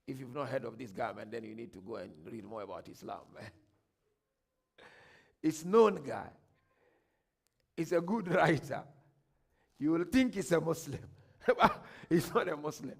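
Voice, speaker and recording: Delivering a religious workshop talk, a man from Ghana uses a Ghanaian English accent as he proclaims with emphasis, reads quotes in a slow, stately way, and drops to quiet asides. His medium-pitched voice has lively intonation, vocal fry and a slight roughness.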